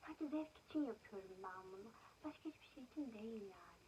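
A young woman vlogger chatting casually while doing her makeup, venting indignantly and often dropping into soft whispers. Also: mid-range voice, expressive, fast talker, a little hiss or hum, poor audio. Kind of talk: casual makeup vlog chat.

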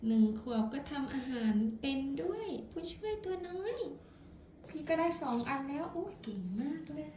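Woman, high voice, mother in a casual home vlog, encouraging and exclaiming to small kids, noisy room. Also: lively intonation, normal speed, dark tone. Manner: encouraging, exclaiming, uses polite feminine particles. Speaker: mother filming her young children as they help cook. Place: indoors at home. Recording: echoey room with clear background noise.

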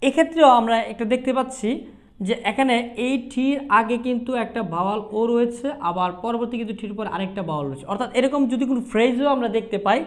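A woman's voice: a little high, fast. Woman teacher doing a pronunciation class, spells stuff out letter by letter, repeats the example words. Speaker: English teacher. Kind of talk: pronunciation lesson.

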